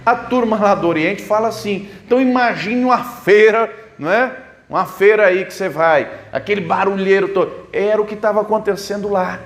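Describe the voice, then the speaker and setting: A man's voice: sits high, brisk. A man preaching a sermon as a pastor, explaining the Bible with rhetorical questions at a church service. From Brazil.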